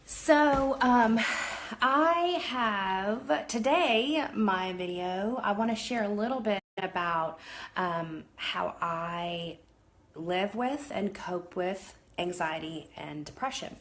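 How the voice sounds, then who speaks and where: A woman's voice: medium pitch, lively intonation, slow, fairly bright tone. A woman in her thirties speaking earnestly and openly to camera in a casual video diary, with many fillers. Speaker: vlogger.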